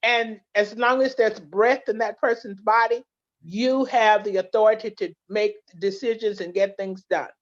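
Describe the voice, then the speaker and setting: This woman, a guest representing a legal plan, recounts earnest stories in an interview conversation, frequently starting over mid-thought. Her medium-pitched voice holds a steady tone at a moderate pace, and the sound quality is dull and lo-fi.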